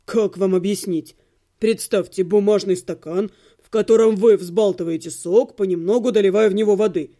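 A woman voicing a calm, patient male healer in an audiobook, explaining things in a measured, lecturing way. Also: mid-range voice, voice pushed down, close to an everyday voice. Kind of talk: audiobook character reading.

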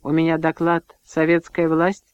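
A man voicing a calm, bookish young village husband who talks softly and without haste, in a dull, dry audiobook recording. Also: on the high side, smooth, no room sound, natural voice. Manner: soft-spoken, unhurried.

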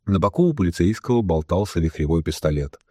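Deep, husky male audiobook narrator. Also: animated, darkish tone, no room sound, studio quality. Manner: reads all characters himself, slowing for solemn quotes. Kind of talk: scripted narration.

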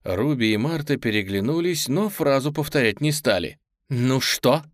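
Мужчина читает вслух сказочную историю выразительно и театрально, как в аудиокниге. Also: male voice, mid-range voice, expressive, normal speed, dry recording, studio quality. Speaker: чтец аудиокниги. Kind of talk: художественное чтение сказки.

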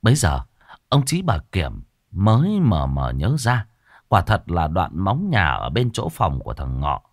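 A man narrating a ghost story in a lively, expressive way. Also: deep voice, measured pace, no echo, clean studio sound.

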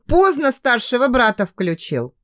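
A woman's voice: fairly high pitch, big pitch swings, a little slow, a bit bright, no room sound, studio quality. A woman voicing a cocky young man who teases lazily and gives orders. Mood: bossy serious. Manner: lazy, commanding.

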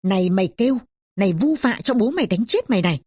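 A woman's voice: medium pitch, expressive, quick pace, slightly rough, no echo, clean studio sound. A woman doing an angry drunken father. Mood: raging. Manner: shouting curses, scolding. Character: drunken angry father, middle-aged poor man.

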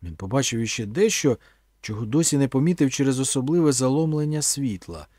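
A man narrating an adventure story as an audiobook reader, in an expressive storytelling manner. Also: medium pitch, a little fast, breathy edge, no room sound, studio quality. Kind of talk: scripted narration.

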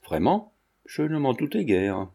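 A man's voice: mid-range voice, sing-song, measured pace, gravelly, mellow, slightly rough, full character voice. A man reading a novel aloud, voicing a mocking, skeptical young Parisian man who teases his friend with irony. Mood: teasing. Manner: teasing, ironic.

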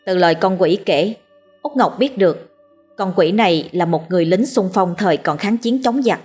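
A woman with a Southern Vietnamese accent narrating a ghost story in a steady storytelling manner. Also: mid-range voice, normal speed, slightly rough, faint music behind.

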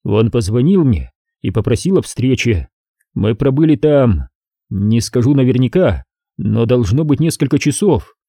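A man's voice: medium pitch, lively intonation, a little slow, dark tone, breathy edge, dry recording, clean studio sound. A man voicing a nervous male scientist answering police questions defensively. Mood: anxious. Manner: anxious, defensive. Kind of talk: audiobook character voice.

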